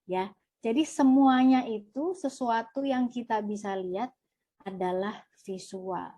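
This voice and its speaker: A woman teaching a workshop, lively, asking and answering her own questions. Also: on the high side, unhurried. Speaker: trainer. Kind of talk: online workshop lesson.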